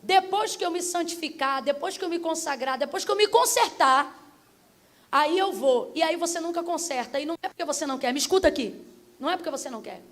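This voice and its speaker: Young woman preacher, high voice, lively playful sermon delivery. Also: quick pace.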